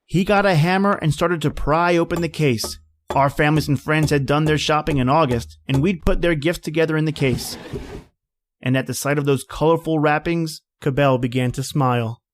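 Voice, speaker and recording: An actor with a voice on the high side, lightly acted, plays a plain-spoken man at a snowbound outpost recounting his story. The delivery is reflective, folksy, and conversational in old-time radio style, at normal speed with slight background noise.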